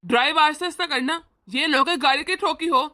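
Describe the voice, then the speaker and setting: A doting older brother reassures and indulges his sister, played by a woman. The voice is high and bright. It is a homemade family drama. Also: fast talker. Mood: indulgent.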